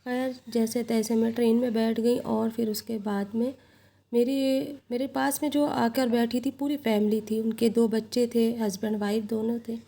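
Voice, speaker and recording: A woman tells a confessional story in the first person, her fairly high voice soft and mellow. She keeps a somber, steady recounting manner throughout. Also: normal speed, vocal fry.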